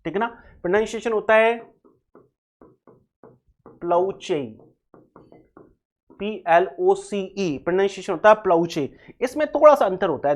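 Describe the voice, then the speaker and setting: In an exam-prep video lecture, a high-voiced man teaching English blends Hindi with English terms as he explains things step by step. He repeats the key terms and spells words letter by letter.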